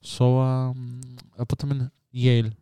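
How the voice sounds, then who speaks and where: A man's voice: medium pitch, completely flat delivery, measured pace, dark tone, smooth, no echo, lo-fi sound. A man chatting casually as a podcast co-host, with teasing, sweary banter. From Quebec, Canada. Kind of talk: casual chat. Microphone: podcast mic with headphones.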